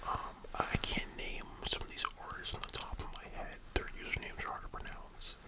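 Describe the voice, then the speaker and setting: An ASMR host speaking in a breathy library whisper, rambling casually and giving opinions. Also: a little fast.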